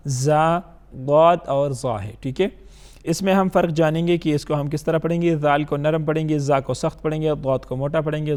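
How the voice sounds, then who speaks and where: A man teaching Quran recitation, patiently explaining and sounding out letters slowly, checking often that students follow. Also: fairly high pitch, darkish tone. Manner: drawn-out letter drills, checks understanding often. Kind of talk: instructional lesson.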